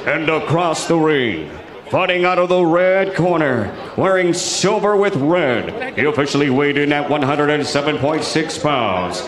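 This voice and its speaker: A man working as a theatrical ring announcer in lucha libre style, with a booming, drawn-out showman delivery. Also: lively intonation. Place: boxing ring in a large indoor arena. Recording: echoey arena PA with clear crowd noise.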